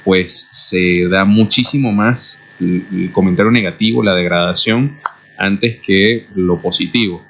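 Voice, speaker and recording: A radio host with a Venezuelan accent conducts an interview in a radio studio, his low, gravelly, slightly bright voice moving at a measured pace. He speaks thoughtfully and hesitantly, using many fillers. The recording is muffled and lo-fi, like old radio.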